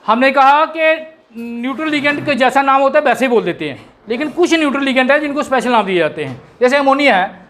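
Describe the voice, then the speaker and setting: A man teaches chemistry in a classroom. He drills the students, fires off quick rhetorical questions and spells terms out letter by letter. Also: extremely high pitch, fairly bright tone. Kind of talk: classroom lecture.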